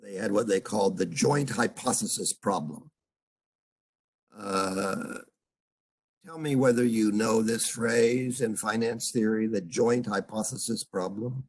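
An older professor runs an online seminar from his home, picked up by his computer's microphone on a video call. His husky, somewhat low voice has a slightly mellow quality, and he talks haltingly with plenty of "uh"s. He keeps stopping to pose questions to the students.

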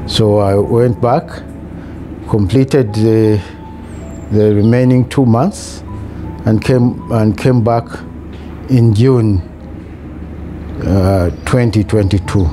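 A middle-aged man from Kenya with a Kenyan accent, giving a personal account in a halting, hesitant way with long pauses. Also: lowish voice, warm tone. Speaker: patient giving a testimonial. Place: small hospital room, in bed. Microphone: lapel mic. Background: music.

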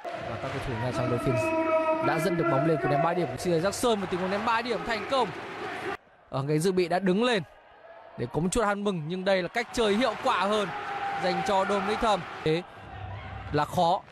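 High-voiced man calling basketball play-by-play. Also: crowd noise. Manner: rapid play-by-play calling players and scores. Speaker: basketball commentator. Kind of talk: live play-by-play commentary. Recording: commentary over loud arena noise.

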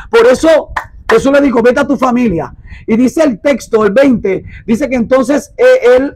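A man with a very high voice preaches a sermon. He reads scripture aloud and tells his listeners to mark it in their Bibles. He repeats phrases emphatically and slows down to stress words. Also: rough recording.

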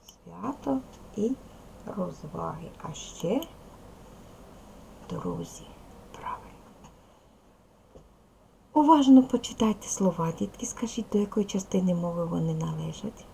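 A woman teacher with a Ukrainian accent gives a recorded lesson to small children, slow and patient. Her voice has a strong gravelly fry, and a faint hiss sits under the recording. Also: fairly low pitch, animated, warm tone, low-quality recording. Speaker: primary school teacher. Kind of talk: video lesson for young pupils.

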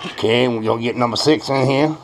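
An American home cook with a mid-range voice talks briskly while presenting a recipe at the stove of his small kitchen. He's casual and off-the-cuff, folksy and salty-tongued, often repeating himself, while pans clatter clearly and food fries, gets stirred, and dishes clink.

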